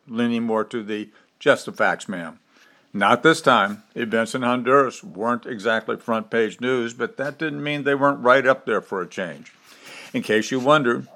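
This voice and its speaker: An older man delivers a scripted commentary segment in a measured, opinionated way. His voice sits at a middle pitch, and his reading stays steady and deliberate throughout. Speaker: commentary host.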